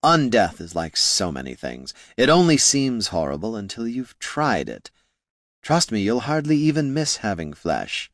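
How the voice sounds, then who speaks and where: A man voicing an undead male lich wizard, speaking slowly in a hollow, scornful, condescending way. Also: on the low side, big pitch swings, fairly bright tone, dry recording, studio quality, pitched above the performer's own voice, full character voice. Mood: mocking. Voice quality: hollow, slow and drawn-out. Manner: condescending, dryly mocking.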